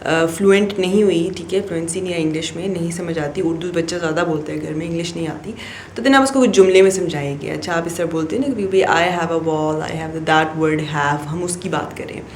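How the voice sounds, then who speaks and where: A woman's voice: lowish voice, brisk, echoey room, slight background noise. A woman teacher guiding parents through a phonics rule, mixing Hindi-Urdu and English and often checking in with "okay?". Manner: acts out the child's answers in a lively voice.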